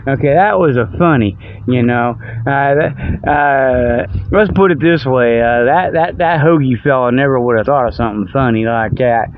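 The sound is phone-quality with slight background noise as an older hobby radio host speaks at normal speed in a medium-pitched voice. Out by a river, he meanders through a folksy, joking monologue and laughs at his own gags.

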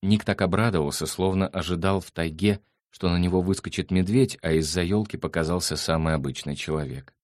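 A man narrating a novel in a measured, even storytelling manner. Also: low-pitched, no room sound, clean studio sound. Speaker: audiobook narrator. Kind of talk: scripted narration.

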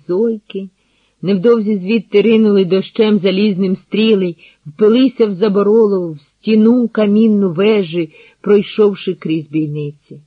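Male audiobook narrator, high voice, husky, slow, measured dramatic telling, dry tinny phone-like recording. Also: dry recording. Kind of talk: dramatic literary reading.

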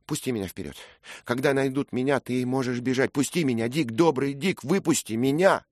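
A man's voice: low voice, level tone, a little slow, creaky, a bit bright, breathy edge, no echo, studio quality, exaggerated voice. A man voicing a frightened young woman disguised as a boy, pleading in a breathless rush, in a read-aloud story. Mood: desperate.

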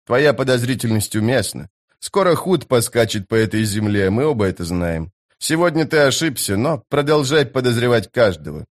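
A man voicing a cold, hard assassin who speaks low, quiet and clipped. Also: very animated, normal speed, few pauses, natural voice.

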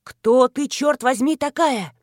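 A woman voicing a fierce, tormented young male warrior who growls his words out forcefully, in a fantasy audiobook. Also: medium pitch, animated, a little slow, husky, no echo, studio quality. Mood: angry.

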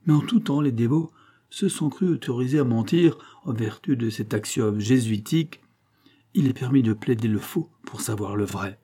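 A man reads a classic novel aloud in a measured, wry way. His voice is mellow and dark in tone, at an ordinary mid pitch. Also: slightly rough. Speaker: audiobook narrator. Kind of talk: scripted literary narration.

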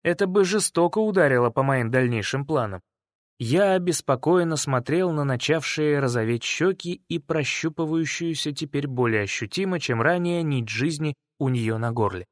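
Man, audiobook narration, somewhat high voice, dry close recording, measured. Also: expressive, dry recording. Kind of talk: first-person audiobook narration.

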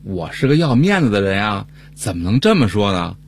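A man's voice: fairly low pitch, very animated, brisk, slight background noise. A man co-hosting a comedy show, telling a funny story in scripted banter. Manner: comic storytelling, acting out a neighbor's lines. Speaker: co-host.

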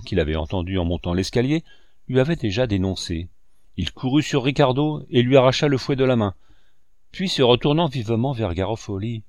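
A male audiobook narrator reads with measured, expressive storytelling. His voice sits on the low side, and the recording is dry and close to the mic. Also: no echo. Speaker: audiobook reader. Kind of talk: scripted narration.

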